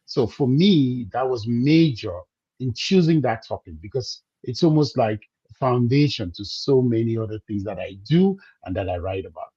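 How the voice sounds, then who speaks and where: A man, a business coach speaking as a guest, measured and reflective, slowing down to stress his points. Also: mid-range voice, lively intonation, dark tone, husky, no echo, lo-fi sound. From Cameroon. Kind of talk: conversational interview.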